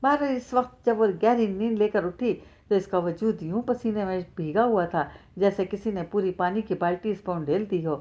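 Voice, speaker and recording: A woman's voice: mid-range voice, moderate pace, hardly any pauses, dark tone. Woman reading a novel aloud. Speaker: audiobook narrator.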